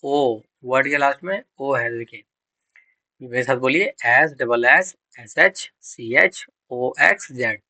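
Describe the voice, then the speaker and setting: A man's voice: mid-range voice, slow, sharp tone, no echo, rough recording. A man teaching English grammar for exam prep. He quizzes students, answers his own questions and spells out words letter by letter.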